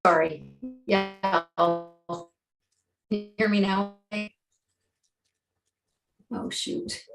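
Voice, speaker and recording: A woman commissioner in a public meeting, speaking haltingly over a video call whose audio keeps cutting out. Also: mid-range voice, steady tone, soft background music. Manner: halting, hesitant. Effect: video-call audio cutting out and breaking up. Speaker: planning commissioner.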